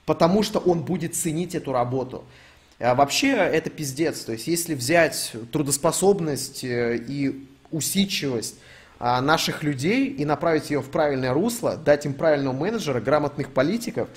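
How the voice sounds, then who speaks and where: A young man on a live stream, talking in a slightly higher voice than most men. He rambles through fillers and swears constantly as he reads donations and riffs on them. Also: animated, moderate pace. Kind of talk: casual profane streaming rant.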